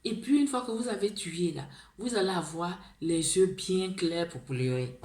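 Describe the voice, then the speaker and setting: Animated yet measured, her lowish, darkish voice echoes around the room. The woman, a video blogger from Ivory Coast with an Ivorian French accent, makes an impassioned plea in monologue form, repeating herself and starting words over.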